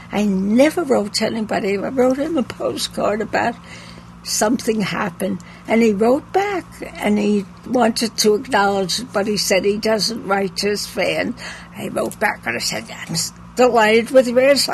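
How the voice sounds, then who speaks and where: A woman's voice: a little high, expressive, moderate pace, slight background noise, poor audio. An older woman who owns a bookshop, chatting in an interview and telling anecdotes with a laugh. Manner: chatty, anecdotal, laughs at her own stories. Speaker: bookshop owner. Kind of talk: casual interview storytelling.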